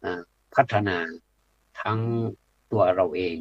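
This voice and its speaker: A man's voice: slow pace, no room sound. A man giving a plain-spoken, blunt public talk to an audience, hesitating often with fillers. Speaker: speaker addressing a community audience. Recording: dull lo-fi dry recording.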